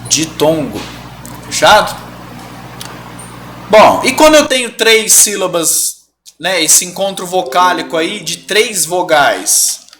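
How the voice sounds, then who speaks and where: Man, Brazilian Portuguese accent, teacher in a live online lesson, high bright voice, checks in with the class constantly. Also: a little hiss or hum. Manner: explains step by step, keeps checking in with "tá bom?"; drawn-out example words.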